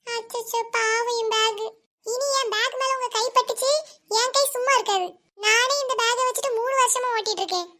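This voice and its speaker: Woman doing a fed-up, sharp-tongued cartoon girl. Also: extremely high pitch, fairly even intonation, moderate pace, background noise. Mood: complaining. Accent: Tirunelveli Tamil. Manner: complaining, scolding. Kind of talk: cartoon voice acting.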